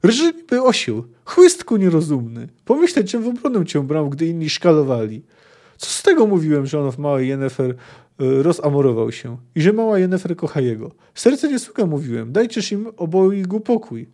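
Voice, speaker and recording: A man's voice: on the high side, big pitch swings, fairly quick, warm tone. A man voicing a pompous, indignant old male wizard who rants in archaic phrasing. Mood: indignant ranting. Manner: archaic, ranting speech.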